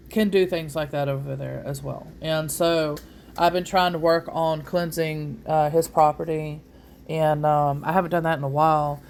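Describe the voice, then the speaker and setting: A paranormal vlogger explains things informally. The voice is tired and mid-pitched, and the talk rambles. Faint noise sits behind it. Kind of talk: casual explanatory vlog talk.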